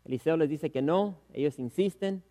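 Pastor preaching a fervent sermon. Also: male voice, on the high side, normal speed, warm tone. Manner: preaching with rising emphasis, reads scripture aloud.

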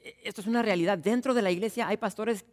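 A pastor delivers a sermon in a high voice, building to emphatic peaks and calling out to the congregation. His words ring with a long reverberation from the hall around him. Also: quick pace. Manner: preacherly, rising to emphatic peaks, addresses listeners as "tío" and "hermanos".

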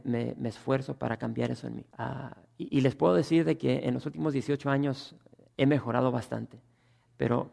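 A man preaching a sermon as pastor, with frequent restarts and passages that swell to loud emphasis. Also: medium pitch, creaky, long reverb tail.

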